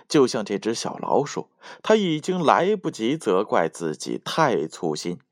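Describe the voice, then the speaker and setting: A man reading a children's picture book aloud as a storyteller, slow and expressive. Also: medium pitch, no room sound, clean studio sound.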